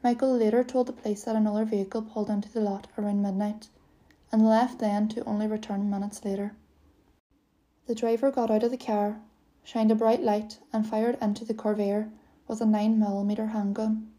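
A woman giving a scripted true-crime narration as a podcast host, reading in a steady, even way. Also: medium pitch, brisk.

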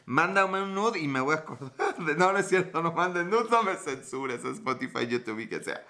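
A man's voice: a little high, expressive, normal speed, bright, forceful tone. A man with a Mexican accent, chatting casually on a live stream, answering his viewers with crude jokes and frequent swearing. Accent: Mexican Spanish. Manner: joking and crude, swears freely.

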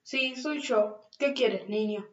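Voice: mid-range voice, slow pace, lo-fi sound, close to an everyday voice. A stern, grieving mother who answers curtly and tearfully, as a storyteller puts her on. The voice sounds roomy and a little far from the mic, with faint noise behind it. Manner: curt and tearful. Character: grieving stern woman, mother of dead boy.

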